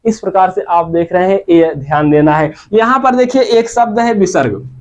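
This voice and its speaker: High-voiced Hindi-accented man teaching grammar. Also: a little mellow. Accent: Hindi, eastern Uttar Pradesh. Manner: repeats example words slowly, quizzes students with questions. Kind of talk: grammar lesson. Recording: muffled lo-fi sound.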